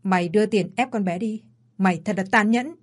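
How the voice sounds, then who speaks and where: A woman voicing an angry old grandfather in an audio story, scolding and shouting. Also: mid-range voice, brisk, lightly acted.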